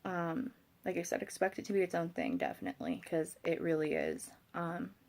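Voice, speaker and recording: Tired young woman vlogging, kinda low creaky voice, slightly thick swollen-tongue speech, rambles and hesitates. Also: very animated, normal speed, a little mellow. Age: young adult. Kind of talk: casual chat to camera.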